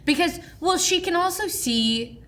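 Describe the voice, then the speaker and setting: A woman co-hosting a casual book podcast, retelling the plot with quick quoted asides. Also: very high voice, lively intonation, a bit bright, a little hiss or hum. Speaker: podcast co-host. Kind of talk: casual book club chat.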